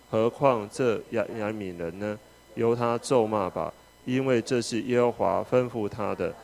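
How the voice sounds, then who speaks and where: A man reading a scripture passage aloud at a steady, measured pace. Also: lowish voice, vocal fry, a little hiss or hum. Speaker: scripture reader.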